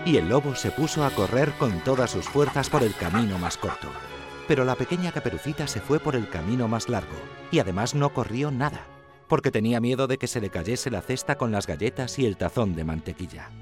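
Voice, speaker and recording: A man narrating a fairy tale with an expressive storytelling lilt. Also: medium pitch, fairly quick, music in the background.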